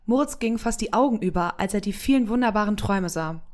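A woman narrating a Christmas story aloud in an even, gentle manner. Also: medium pitch, quick pace.

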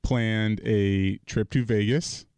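A man co-hosting a podcast in relaxed, casual conversation. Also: fairly low pitch, slow pace, background noise. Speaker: podcast co-host. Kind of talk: casual chat.

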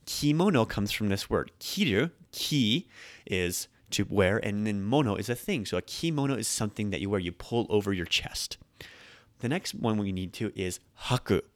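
This podcast host, a native English speaker, teaches Japanese in a casual, upbeat, conversational style. His voice is lowish and animated, his pace moderate, and there's no room sound.

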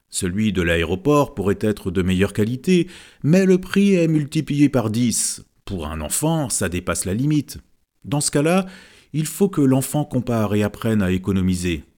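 A man narrating a novel chapter as an audiobook reader, with animated, expressive reading. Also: lowish voice. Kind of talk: scripted narration.

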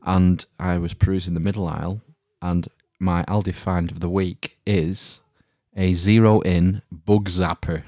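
Deep-voiced man inside a small caravan. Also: little pitch movement, a little slow, warm tone, dry recording, clean studio sound. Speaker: podcast co-host. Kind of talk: casual comedic podcast chat. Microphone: online call, close dry sound.

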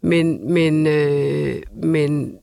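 A woman's voice: deep voice, steady tone, vocal fry, dark tone, no echo, clean studio sound. Emphatic opinionated woman guest. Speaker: panel guest. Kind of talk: casual talk-show chat.

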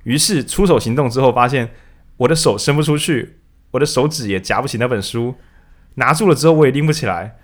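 Guy hosting a book podcast, talks fast, does little voices for quotes. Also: medium pitch. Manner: animated, acts out quotes in raised voices. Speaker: podcast co-host. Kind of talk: casual book discussion.

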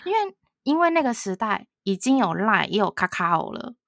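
A woman's voice: mid-range voice, normal speed, vocal fry, no echo, studio quality. Laughing woman telling a story. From Taiwan. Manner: animated storytelling, frequent laughter, quotes others. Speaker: podcast co-host. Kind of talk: casual storytelling chat.

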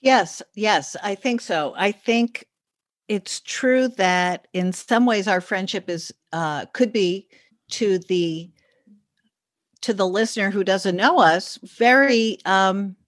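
A woman co-hosts a podcast, adding to her friend's story in unhurried, casual chat. She speaks slowly, at a medium pitch, and her voice sounds dry and close. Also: no echo. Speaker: podcast co-host.

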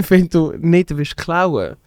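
A young Congolese man with a Swiss German accent speaks very slowly in a fairly high voice, recorded dry at studio quality. He's a comedian podcast host in casual chat, animatedly telling anecdotes, acting out the voices and laughing often.

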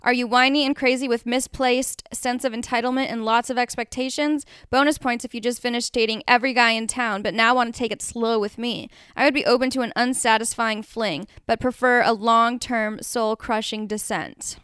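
A woman's voice: a little high, fairly even intonation, moderate pace, hardly any pauses, fairly bright tone, smooth, dry recording, studio quality. A young woman co-hosting a podcast, chatting casually with a sarcastic, laughing manner. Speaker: podcast co-host. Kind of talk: casual chat.

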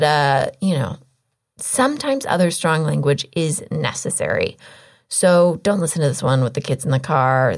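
A woman in her thirties hosting a parenting podcast, chatty and informal with plenty of filler words, her voice a bit hoarse. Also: low-pitched, a little mellow. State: slightly hoarse, losing her voice. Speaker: podcast host. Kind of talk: casual podcast chat and interview.

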